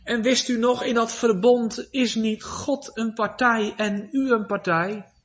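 A man preaching a sermon, swinging from soft, low asides to loud, emphatic pleading. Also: fairly even intonation, unhurried. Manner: rises to loud emphatic pleading, drops to soft near-whisper.

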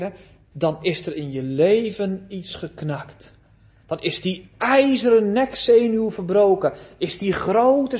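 A preacher with a notably high voice works through his sermon at a slow, deliberate pace. He presses hard on key phrases, then lets his voice sink low and soft. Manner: earnest preaching, rising to loud emphasis then dropping low.

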